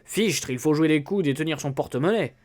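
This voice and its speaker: A man voicing a brisk, self-assured swindler posing as a police inspector in a read-aloud story. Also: a little high, a little mellow, natural voice. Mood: grumbling. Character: smooth-talking fake police inspector, brisk.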